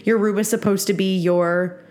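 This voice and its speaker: A woman co-hosting a casual podcast, chatty and giggly, with a congested, slightly raspy voice from a stuffy nose. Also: steady tone, moderate pace, darkish tone. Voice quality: low, raspy. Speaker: podcast host, social worker. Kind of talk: casual chat.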